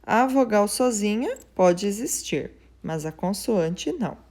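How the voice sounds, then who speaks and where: A woman teacher explaining a lesson patiently, often checking in with her students and slowly drawing out example words. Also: medium pitch, animated, a little mellow.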